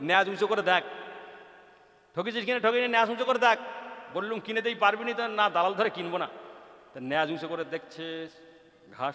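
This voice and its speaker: A man's voice: sits high, bright, forceful tone. A man with a West Bengal Bengali accent preaching an Islamic sermon, acting out the characters of a rustic folk tale in an emphatic, sing-song way. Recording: large reverberant hall.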